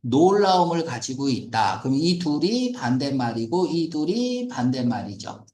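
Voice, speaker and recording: Male english reading teacher, lively pitch that rises and falls, asks the class questions, echoey room. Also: unhurried. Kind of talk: lecture on a reading passage.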